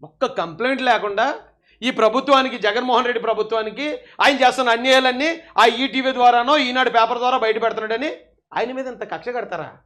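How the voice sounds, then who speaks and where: A man with a very high voice delivers heated political commentary. He mocks and scolds his targets with biting sarcasm, taunting them over and over. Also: quick pace, sharp tone.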